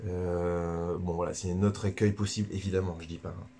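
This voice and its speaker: Male friar, livestream teacher, lowish voice, slangy and jokey, frequent restarts. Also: brisk, slight background noise. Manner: joking, animated, bursts of laughter between points; loose, colloquial, stumbles over words. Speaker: friar giving a spiritual talk.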